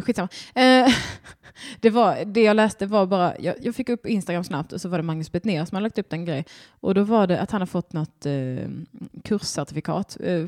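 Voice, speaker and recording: A woman's voice: on the low side, dark tone. A young woman comedian hosting a live-streamed podcast, chatting casually and rambling as she reads the chat aloud.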